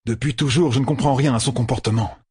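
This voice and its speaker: A man voicing a wary, blunt young man who talks in a gruff, direct way in an audiobook. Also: medium pitch, steady tone, fast talker, darkish tone, dry recording, clean studio sound, voice pushed up. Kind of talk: audiobook character voice.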